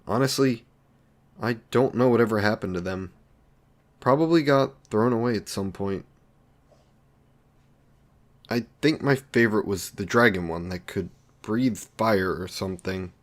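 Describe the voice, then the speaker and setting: In an audio romance roleplay, a man plays a lonely, awkward villain who is earnest and anxious to please. His voice is natural and on the low side, and he speaks haltingly and apologetically in a wistful, awkward mood.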